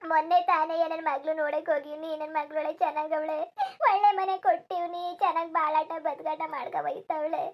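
A woman's voice: sits high, steady tone, fairly quick, muffled recording. Woman doing a wailing village elder sister. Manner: loud sobbing lament, repeated calls to wake up. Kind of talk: comic cartoon mourning lament.

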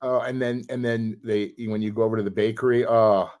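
A man appearing as a guest on a podcast from home, chatting casually and telling stories in an animated, excitable way. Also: lowish voice, a little fast. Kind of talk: casual chat.

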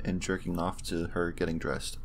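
A man with a lowish voice chats through a shooter game with his friends. His humor is crude and playful, and he keeps slipping into silly put-on accents. A light hiss of noise sits under the recording. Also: completely flat delivery, moderate pace. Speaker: gaming channel host. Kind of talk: casual gaming banter with friends.

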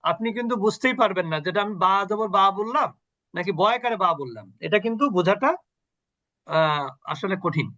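A man's voice: high-pitched, animated, a little fast, pushed and bright, no echo, dull audio. A man teaching an online Quran recitation class on a video call, patiently quizzing his students and repeating sounds for them.

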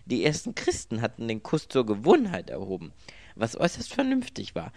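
A man voicing a cool, wry gentleman. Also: mid-range voice, wildly swooping pitch, fairly quick, gravelly, dry recording.

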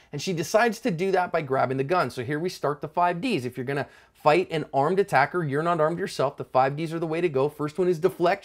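With a fairly high-pitched voice picked up by a lapel mic, a middle-aged American man leads a self-defense instructional commentary. He speaks like an emphatic teacher, sprinkling in folksy phrasing.

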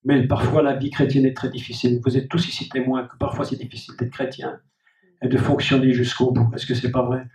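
A man's voice: mid-range voice, little pitch movement, fairly quick, darkish tone. A man preaching a sermon as pastor, repeating key phrases and speaking directly to the congregation. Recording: dull, echoey hall recording from a distant mic.

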